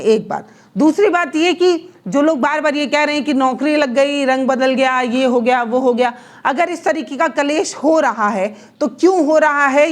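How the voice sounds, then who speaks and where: A woman giving opinion commentary in an earnest, pleading, argumentative manner, with frequent restarts and self-corrections. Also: high-pitched.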